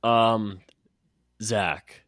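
A man's voice: fairly low pitch, fairly even intonation, drawn-out words, a bit bright, no echo, clean studio sound. A man co-hosting a casual sports podcast, sounding nasal while getting over a cold, joking and stammering into his sentences. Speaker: podcast co-host.

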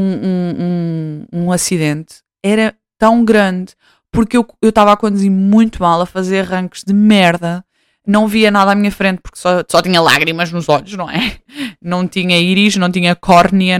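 A young woman hosts her own talk show in a European Portuguese accent. She rambles casually, full of slang, fillers and self-corrections. Her voice is smooth and clear, in a dry, close-sounding recording, pitched in an ordinary middle range. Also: no echo. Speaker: podcast host.

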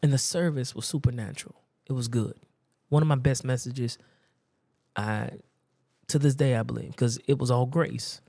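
A man's voice: medium pitch, fairly even intonation, normal speed, vocal fry, pauses often, dark tone, breathy edge, no echo. Man, preacher, conversational sermon, emphatic repetition, dry close sound. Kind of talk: sermon with storytelling.

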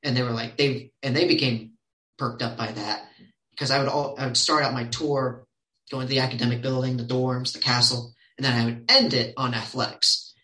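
Bright animated man in an echoey room. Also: mid-range voice, normal speed. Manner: animated, quotes others in lively voices. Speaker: podcast guest, sportscaster. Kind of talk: casual storytelling.

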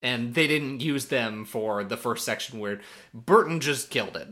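A man chats casually as a podcast co-host, breaking down a reality show episode. His voice is bright and forward at an ordinary pitch. He is opinionated and keeps slipping into quoted asides. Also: moderate pace. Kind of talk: casual recap chat.

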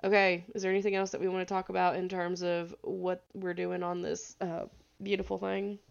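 A woman's voice: on the low side, flat delivery, a little fast, creaky, dull audio. A young woman from the American South with a Southern accent, co-hosting a podcast and telling a story in a rambling, giggly way. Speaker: podcast co-host. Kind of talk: casual chat.

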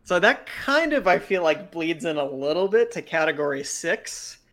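A man's voice: a little high, very animated, normal speed, a bit bright, slight background noise. A man co-hosting a casual podcast chat, cracking dry jokes with chuckles. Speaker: podcast co-host.

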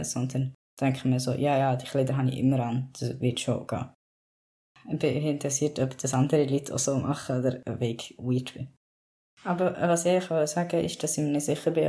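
Gravelly-voiced non-binary vlogger. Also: mid-range voice, mellow. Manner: candid, rambling, many fillers. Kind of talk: casual personal vlog monologue.

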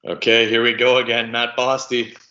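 A man's voice: medium pitch, level tone, moderate pace, sharp tone, roomy sound. Tinny Canadian man on a Skype call. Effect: tinny sound from a Skype call. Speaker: podcast host. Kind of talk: casual podcast chat. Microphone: computer call microphone.

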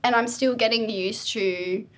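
A woman's voice: fairly high pitch, a little slow. A woman in her twenties, a podcast guest, talking candidly and animatedly in casual chat. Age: 20s. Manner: candid, animated, acts out quoted voices.

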